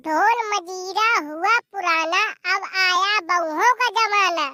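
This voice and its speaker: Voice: very high voice, takes it slowly, heavy background noise. A performer voicing a cheeky young village man in a cartoon, teasing with quips.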